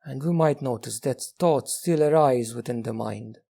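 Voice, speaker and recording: Long pauses separate the phrases of this guided meditation, led by a male teacher whose medium-pitched voice is creaky and whose manner is gentle and unhurried.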